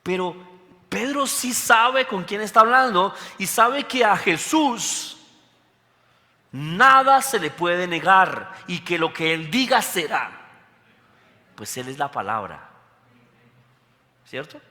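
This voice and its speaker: Bright-voiced male pastor preaching. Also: sits high, slow pace, long pauses. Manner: animated preaching with rhetorical questions. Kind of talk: sermon. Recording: long hall reverb.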